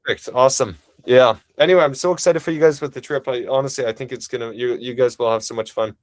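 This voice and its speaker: A man giving a family history webinar over a video call. He talks fast and casually, with eager restarts and asides. His voice is dry and close, with no room echo. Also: mid-range voice, fairly even intonation. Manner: talks quickly; casual, enthusiastic, many restarts. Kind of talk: webinar presentation.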